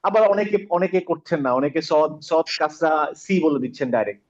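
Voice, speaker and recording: Patient male tutor, slightly high voice, muffled call audio. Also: lively intonation, a little mellow. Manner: patient, repeats sounds slowly, asks students questions. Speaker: Quran recitation teacher. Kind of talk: online class lesson.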